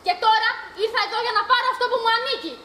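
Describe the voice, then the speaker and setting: A woman's voice: very high-pitched, pushed and bright. Adela, a fierce defiant young woman, played by a young actress. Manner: fierce, declaiming, emphatic. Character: defiant passionate youngest sister in love. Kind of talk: amateur stage acting. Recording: echoey live stage recording, faint noise.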